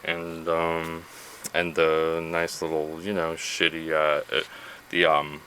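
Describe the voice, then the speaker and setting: A man's voice: a bass voice, monotone, takes it slowly, pushed and bright, a little hiss or hum, rough recording. A man vlogging alone to his camera, rambling and swearing freely while trailing off mid-thought. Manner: rambling, profane, self-deprecating, trailing off.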